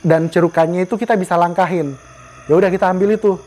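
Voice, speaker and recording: A man's voice: sits high, steady tone, quick pace, darkish tone. A man telling a first-person scary story in a casual, slangy way with a tense edge.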